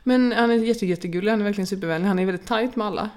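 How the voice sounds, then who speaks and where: A woman's voice: mid-range voice, a little mellow. A woman in her thirties, chatting casually and telling stories with animation. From Sweden. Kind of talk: casual chat.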